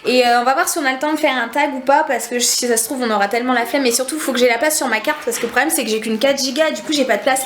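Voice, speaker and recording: Chatty high-voiced young woman vlogger. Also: a bit bright, a little hiss or hum. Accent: French regional. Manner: chatty, laughs often, quick asides. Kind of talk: casual vlog chat. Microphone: handheld camera.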